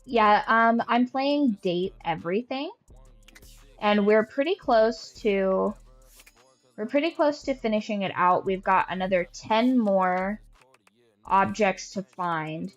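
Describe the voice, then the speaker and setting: A woman's voice: mid-range voice, slow pace, dull audio. Casual woman streamer, faint music behind. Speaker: game streamer. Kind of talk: casual gameplay commentary. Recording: faint background game music.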